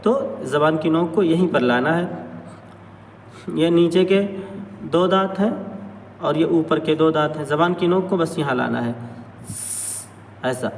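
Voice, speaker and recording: Man teaching letters, echoey hall. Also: a little high. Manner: drawn-out, careful articulation of Arabic letters. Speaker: Quran recitation teacher. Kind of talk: slow letter-by-letter pronunciation lesson. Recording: echoey hall, mic at a distance, faint noise.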